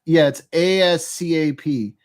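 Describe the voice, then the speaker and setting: A man's voice: a little high, measured pace. A man co-hosting a podcast in casual chat, rambling with lots of fillers and frequent laughter. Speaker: podcast co-host.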